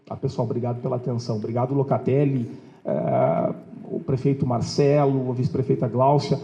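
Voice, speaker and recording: A police officer gives a measured, official address at a public event. His voice is deep-toned and mellow, and the recording sounds muffled and lo-fi. He pauses now and then between his formal phrases.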